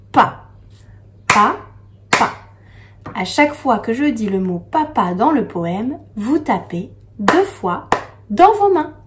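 Female preschool teacher, slow and gentle, with a very animated, singing lilt for small kids. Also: high voice, slight background noise. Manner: slow, sing-song delivery that stresses each syllable; reads the poem slowly and gently. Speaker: kindergarten teacher. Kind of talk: teaching young children.

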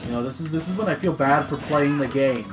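A man's voice: on the high side, quick pace. A young man casually chatting and defending himself while gaming with friends. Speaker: gamer. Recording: game music behind voices.

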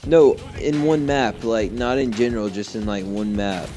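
A teenage boy jokes around and giggles with a friend while they play an online shooter, laughing often in casual gaming chat. His voice is on the low side and dark, with a steady tone and moderate pace, and game music and gunfire sound in the background.

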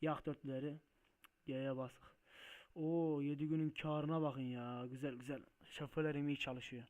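A man commentating his truck-driving game play, muttering to himself and breaking into frustrated shouts and swearing at mishaps. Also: on the high side, little pitch movement, normal speed. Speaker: gaming video host.

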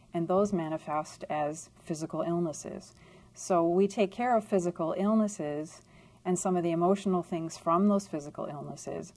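A woman's voice: lowish voice, a little mellow. Earnest woman doctor in her fifties. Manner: earnest, reflective. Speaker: clinic doctor and leader. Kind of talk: documentary interview. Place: office.

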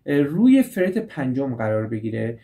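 A man's voice: mid-range voice, sing-song, warm tone. A man teaching a guitar lesson, patiently walking through chord shapes and repeating each step. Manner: patient, repeats and restates steps. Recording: guitar playing behind the voice.

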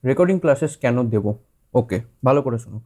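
This teacher's mid-range, darkish voice is animated and brisk as he introduces a course. His explanation is casual and conversational, full of fillers and rephrasings, sprinkled with English loanwords in a Bengali accent, and he keeps checking in with students.

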